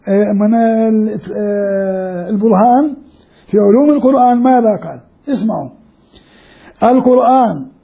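High-voiced older man giving a lecture. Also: warm tone. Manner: explanatory, repeats key phrases, addresses students directly. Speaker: sheikh and professor lecturing. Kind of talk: classroom lecture.

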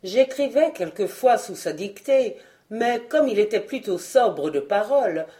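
Lively French woman reading a novel. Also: mid-range voice, unhurried. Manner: expressive first-person narration. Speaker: audiobook reader.

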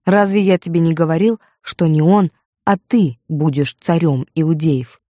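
Woman playing an enigmatic, unhurried male stranger, soft and low, slightly mocking; audiobook. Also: no room sound, clean studio sound. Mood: detached. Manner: slow, calm, detached. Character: mysterious calm man, soft, sad and mocking. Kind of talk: audiobook character voice.

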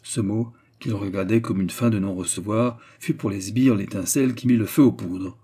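Husky, dark-voiced male narrator. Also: fairly low pitch, normal speed. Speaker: audiobook narrator. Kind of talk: literary audiobook narration.

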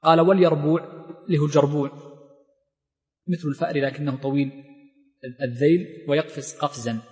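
A man's voice: on the high side, fairly quick, in a large hall. A man teaching a lesson on Islamic law, reading lines from a text and then explaining them with many fillers and restarts. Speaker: Islamic scholar teaching fiqh.

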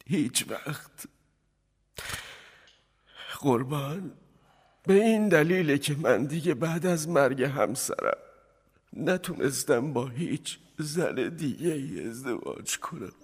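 An actor playing a widowed male court minister in a radio drama, speaking slowly and mournfully. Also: on the high side, animated, slightly rough. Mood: grieving. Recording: hall reverb with music behind.

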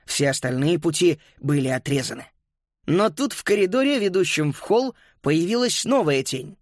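Man narrating a lively children's audiobook. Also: a little high, normal speed, no room sound, clean studio sound. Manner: lively, expressive storytelling.

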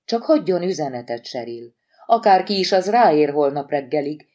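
A woman's voice: deep voice, lively intonation, dark tone. A woman voicing a tense, anxious middle-aged woman who runs an institute, in an audiobook. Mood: worried.

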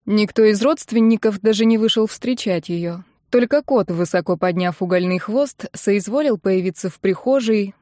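Woman reading an audiobook, expressive, mid voice, dry studio sound. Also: medium pitch, no room sound. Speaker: audiobook narrator. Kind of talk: scripted audiobook narration.

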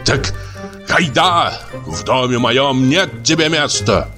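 A man's voice: mid-range voice, animated, slow, soft background music, voice pushed up. Man voicing a raging drunk jealous husband. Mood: furious. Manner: shouting, scolding, ranting. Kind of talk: audiobook character voice.

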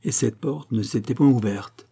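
A male audiobook reader narrating a classic novel with measured, dramatic pacing. His voice is dark and mellow, sitting at an average male pitch. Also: vocal fry, husky.

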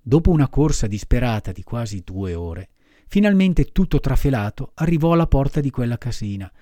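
A man's voice: medium pitch, very animated, brisk, dark tone, dry recording, clean studio sound. A man reading a classic children's story aloud with dramatic, varied delivery. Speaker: audiobook reader. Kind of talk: expressive storybook narration.

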